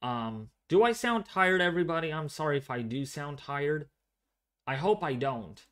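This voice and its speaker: A male weather host running a live severe weather stream speaks in a voice on the high side, at a moderate pace. He stays calm and fairly monotone, quiet but clear, as he comments and interacts with viewers.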